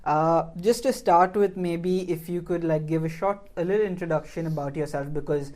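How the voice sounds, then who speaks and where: A man's voice: fairly high pitch, moderate pace, a little mellow. A man hosting a podcast interview, talking in a chatty, rambling way with many fillers. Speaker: podcast host.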